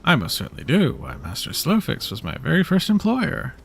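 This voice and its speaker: A man's voice: fairly high pitch, huge pitch swings, a little fast, creaky, fairly bright tone, soft background music, voice pushed up, heavily acted. A man voicing a pompous, well-spoken male goblin in a fantasy game, who mixes broken grammar with big words. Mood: storytelling.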